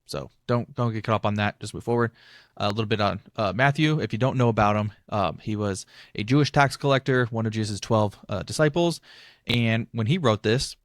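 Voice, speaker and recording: A man's voice: lowish voice, brisk, no echo, studio quality. A young man hosting a casual Bible-study podcast, talking in a rambling, chatty, self-deprecating way. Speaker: podcast host.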